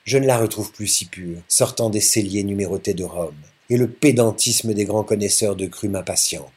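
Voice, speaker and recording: A man giving an expressive, scripted literary narration as an audiobook narrator. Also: lowish voice, normal speed, slightly rough. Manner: expressive reading.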